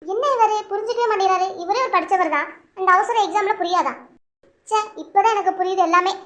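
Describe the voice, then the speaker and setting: A woman's voice: very high voice, brisk, fairly bright tone. A woman voicing an anxious young wife in a cartoon, pleading and worried. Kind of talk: cartoon voice acting.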